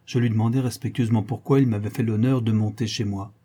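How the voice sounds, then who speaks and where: A man reading a classic novel aloud in measured literary narration. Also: lowish voice, steady tone, dark tone, breathy edge. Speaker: audiobook reader.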